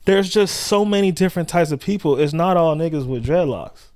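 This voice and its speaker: A man from South Central Los Angeles, co-hosting a podcast in loose, slangy casual chat, acting out quotes in high put-on voices. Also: expressive, a little fast, darkish tone, dry recording. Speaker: podcast co-host.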